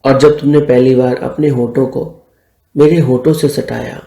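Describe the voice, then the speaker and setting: Gravelly-voiced man narrating a story. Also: mid-range voice, fairly even intonation, normal speed, mellow, echoey room. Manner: reads both lovers' lines in his own voice. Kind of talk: scripted story narration with dialogue.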